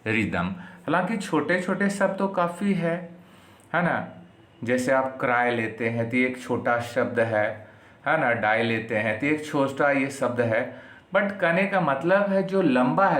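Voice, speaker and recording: Bihari guy teaching english, super slow and repetitive, echoey classroom sound. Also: medium pitch, fairly bright tone. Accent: Indian, from Bihar. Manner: slow, drawn-out explanations with many repetitions and tag questions. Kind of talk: classroom lesson. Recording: echoey room.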